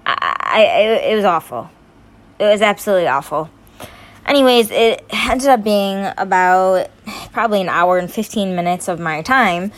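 Worked-up young woman giving political commentary. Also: mid-range voice. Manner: gets worked up and emphatic, stumbling over words. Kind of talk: casual opinion commentary.

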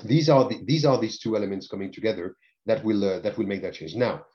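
A man being interviewed, speaking in a thoughtful, measured way with some phrasing. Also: fairly low pitch, darkish tone. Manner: thoughtful, measured, with non-native phrasing and restarts. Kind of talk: conversational interview. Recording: dull lo-fi sound.

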